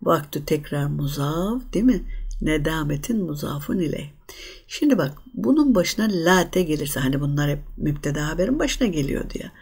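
A woman's voice: sits low, lively intonation, moderate pace, vocal fry, darkish tone, slightly rough. A woman teaching an Arabic grammar lesson, explaining patiently and often addressing her students directly.

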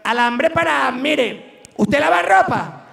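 A brash, nervous Venezuelan woman who swears and pleads in a high voice, as a comedian puts her on. Her talk is blunt, with a gravelly rasp. It is recorded in an echoey room from far off. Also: expressive, takes it slowly, a bit bright, full character voice. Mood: pleading. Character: brash nervous middle-aged woman visa applicant. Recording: echoey live venue from far off.

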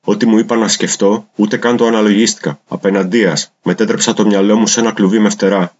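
A man reading translated poems aloud in a measured, deliberate recitation. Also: fairly low pitch, steady tone, darkish tone. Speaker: poetry reader. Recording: dull lo-fi recording.

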